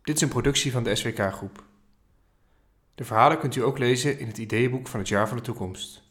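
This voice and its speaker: A man narrating a children's storybook podcast. He reads in a clear, friendly way at a middling pitch, as if reading aloud to young listeners. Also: a little fast, a bit bright.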